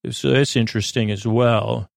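A middle-aged podcast host with a gravelly, creaking voice of ordinary male pitch delivers a meandering bedtime monologue in a steady tone. His halting speech stalls, restarts, circles and loops back on itself, full of self-interruptions and false starts. The recording is very dry.

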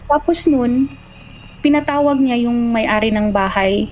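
A woman's voice: fairly high pitch, measured pace, highs cut off. A young adult woman telling a personal ghost story in casual chat, acting out the voices she quotes. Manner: animated, acts out quoted voices.

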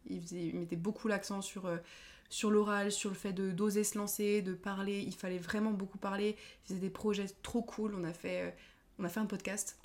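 A young woman from France chatting casually as a guest, talkative, laughing often and filling pauses with "euh". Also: mid-range voice, level tone, darkish tone. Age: young adult. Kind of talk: casual chat.

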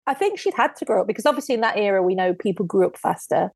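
A woman's voice: medium pitch, racing, gravelly, breathy edge, no room sound. A woman, a guest author, telling history in a casual podcast interview and acting out quotes as she goes. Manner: lively storyteller who acts out quotes.

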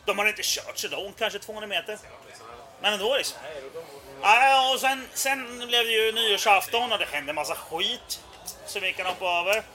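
A man's voice: high voice, animated, bright, forceful tone, faint music behind. A man in his thirties telling a rambling, profane, self-mocking anecdote in casual chat. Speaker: podcast storyteller.

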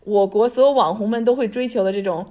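A woman's voice: medium pitch, fast, warm tone. A woman talking as a guest author, telling history in a casual, chatty, colloquial way and often checking that the listener follows. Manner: chatty, colloquial, often seeking agreement with tag questions. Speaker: author guest discussing their history book. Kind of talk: casual conversational storytelling.

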